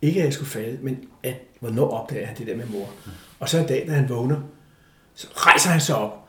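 An older man telling a story from his life in a casual interview, animated, acting out the voices of the people in it. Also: mid-range voice. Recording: echoey room.

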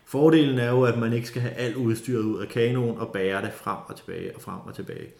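A man telling a lively, casual story with many fillers and restarts. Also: medium pitch, creaky. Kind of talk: casual spoken anecdote. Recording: roomy echo.

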